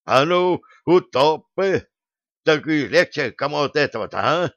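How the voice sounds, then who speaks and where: Man voicing a barking bearded warrior, gruff, hot-tempered, raised pitch, dry, dull sound. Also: slow pace, fairly bright tone, dry recording. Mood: furious. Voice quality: growling, barking orders.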